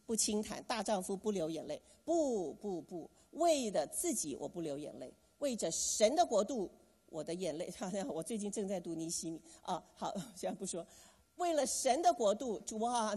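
A woman's voice: medium pitch, big pitch swings, normal speed, dark tone, slightly rough, in a large hall. A woman preaching a sermon, asking the congregation questions and having them repeat phrases back.

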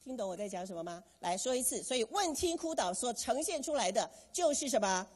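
Woman pastor preaching, voice swoops up and down a lot, slightly husky, long hall echo. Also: a little high, a little fast. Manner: animated, asks the congregation questions and has them repeat phrases. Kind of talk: sermon.

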